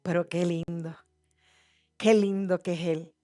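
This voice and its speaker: Impassioned woman pastor, slow delivery. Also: lowish voice, steady tone, dry recording, clean studio sound. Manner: swings between soft hushed passages and loud impassioned preaching. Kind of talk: sermon. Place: church.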